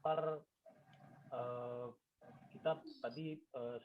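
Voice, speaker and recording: A man's voice: medium pitch, steady tone, extremely slow. A man in an online meeting, speaking hesitantly, his voice very faint and far from the mic. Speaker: meeting participant. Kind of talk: casual online meeting talk. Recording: tinny phone-like line, faint noise.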